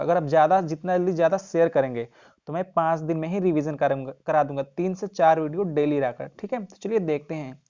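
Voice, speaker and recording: A man's voice: a little high, darkish tone, lo-fi sound. A male teacher giving an exam revision lesson, repeating key points and quizzing the viewer with questions he answers himself.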